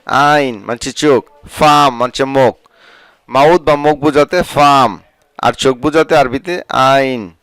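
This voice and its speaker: Man, language teacher, repeats phrases and explains them, mid pitch, dry close sound. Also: a little slow, fairly bright tone, smooth, no echo. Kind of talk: scripted vocabulary lesson.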